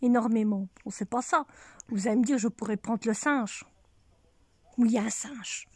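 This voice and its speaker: A woman's voice: fairly high pitch, normal speed, husky, no echo. A woman vlogging at home as a mother, chatting casually and speaking straight to her viewers.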